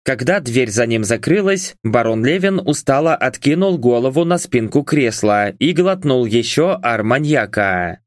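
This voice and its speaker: Male audiobook narrator, mid pitch, measured, dry close mic. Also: lively intonation, dry recording. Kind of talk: scripted narration.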